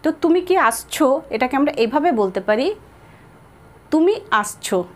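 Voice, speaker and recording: A woman with a Bengali accent teaching spoken English, repeating example sentences slowly and spelling words out letter by letter. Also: high voice, expressive.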